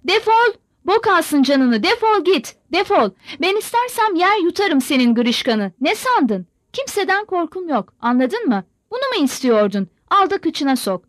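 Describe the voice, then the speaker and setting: A woman's voice: high-pitched, big pitch swings, normal speed, few pauses, no room sound. A woman reader voicing a fiery, scornful young village woman who lashes out in an angry, insulting tirade. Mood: furious defiant. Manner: furious shouting tirade, insulting.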